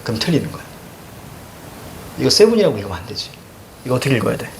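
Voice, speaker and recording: Lively, questioning male teacher. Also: mid-range voice, quick pace, very noisy. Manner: lively, questioning, tags checks like "그치?". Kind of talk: classroom lecture on Korean poetry. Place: classroom with a blackboard.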